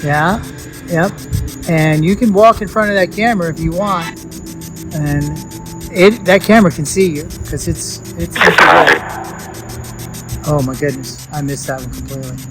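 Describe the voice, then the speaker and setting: A man hosting a paranormal vlog, speaking in a hushed, coaxing way as he addresses spirits in a cemetery at night. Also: on the high side, measured pace, pauses often, loud music behind the voice, poor audio. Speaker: paranormal investigator host. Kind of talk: casual vlog narration.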